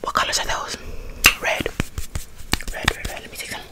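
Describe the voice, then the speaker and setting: A young woman doing an ASMR whispered role-play in a breathy whisper with wet mouth sounds, rapidly repeating words close to the mic in a room at home. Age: young adult. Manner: whispers with rapid repetition of words and trigger phrases. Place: small indoor room at home.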